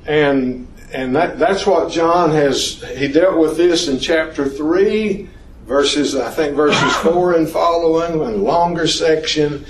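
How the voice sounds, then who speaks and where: A man leads an informal Bible study lesson, speaking slowly and haltingly, restarting and putting questions to the class. His voice is a little high, and the recording, made in an echoey room, has a slight hiss or hum.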